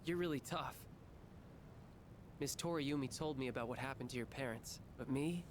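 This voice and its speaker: An actor playing an earnest, caring teenage schoolboy in a video game, speaking sincerely and expressively. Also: male voice, mid-range voice, moderate pace, slight background noise, natural voice. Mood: guilty, heartfelt. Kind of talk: scripted English game voice acting. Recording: game music behind the voice.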